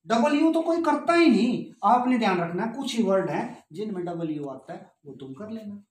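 A woman's voice: mid-range voice, lively intonation, darkish tone, reverberant. A woman teaching an English spelling lesson, spelling words out letter by letter and mixing Hindi with English phrases. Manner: explains slowly, spells out letters one by one.

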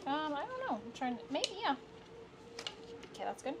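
An upbeat woman in her thirties talks casually to the camera on a lapel mic. Her voice sits at an ordinary middle pitch. Steady ambient noise hums behind her. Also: normal speed. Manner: upbeat, chatty, coaxing her daughter. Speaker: sailing vlogger. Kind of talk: casual vlog chat. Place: small car, then boat galley. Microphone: clip-on lapel mic.

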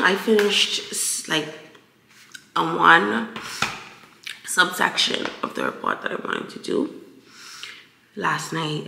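A woman's voice: low-pitched, vocal fry, sharp tone, slight background noise. A young woman vlogging casually at home, chatty and candid, with a groggy morning voice. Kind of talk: casual vlog chat. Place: home, indoors. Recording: roomy home echo.

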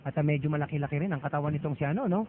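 A man's voice: a little high, very fast. A man with a Filipino accent giving casual live commentary as a boxing commentator. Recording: tinny phone-like audio, faint noise.

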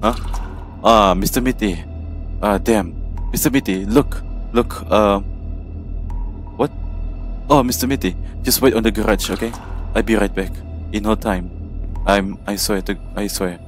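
A man's voice: lowish voice, unhurried, pauses often, soft background music. A man commentating on a horror game as he plays, joking and chatting to an in-game companion. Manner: jokey, chats to an in-game companion. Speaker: gamer playing a horror game. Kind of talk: let's play commentary.

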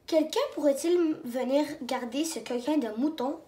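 A woman's voice: high-pitched, normal speed, mellow, lightly acted. A woman reading a storybook aloud, voicing a playful male shepherd in a children's show who announces things theatrically. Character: friendly stage shepherd, man, playful. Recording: roomy echo.

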